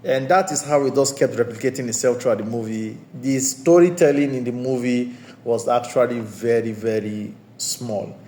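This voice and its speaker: A man talks through a film review in a loose, conversational way, looping back to repeat and stress his points. His voice sits at an ordinary middle pitch. The recording carries a noticeable roomy echo. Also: normal speed, few pauses, dark tone. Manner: discursive, circling back to restate points. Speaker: movie reviewer and channel host. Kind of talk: casual spoken movie review. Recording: roomy echoey room sound.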